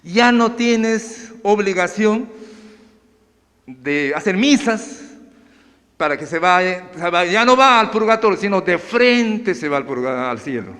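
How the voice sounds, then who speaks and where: A preacher doing a pushy indulgence peddler. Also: male voice, expressive, slow pace, a bit bright, in a large hall, full character voice. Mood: pleading. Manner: wheedling sales pitch. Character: pushy male indulgence seller hawking salvation.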